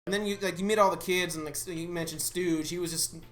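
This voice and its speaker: A man's voice: sits high, fairly even intonation, fast talker, a bit bright. Laid-back swearing man, roomy sound. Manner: laid-back, swears often, laughs through lines. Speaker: podcast co-host. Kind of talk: casual movie review chat.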